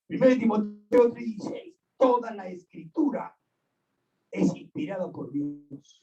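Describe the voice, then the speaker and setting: A pastor with a high, mellow voice preaches a sermon at an unhurried pace, his intonation lively as he speaks straight to his listeners and repeats his points with emphasis. He is in an echoey church hall, and the recording sounds distant and dull.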